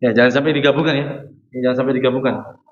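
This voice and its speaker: A man's voice: medium pitch, fairly even intonation. Guy teaching quran reading in a mosque, asks then answers himself, roomy echo, dull sound. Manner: chants sample verses slowly. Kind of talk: mosque study lesson.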